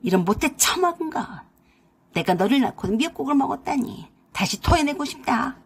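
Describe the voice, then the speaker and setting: A woman's voice: high voice, animated, moderate pace, creaky. A woman doing a furious, scolding old mother-in-law. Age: older.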